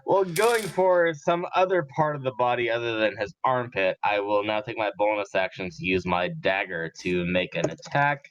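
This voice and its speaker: A man playing in a tabletop game over a voice call, halting, laughing easily. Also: on the low side, a bit bright, no echo, muffled recording. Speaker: player. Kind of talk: casual play over a voice call.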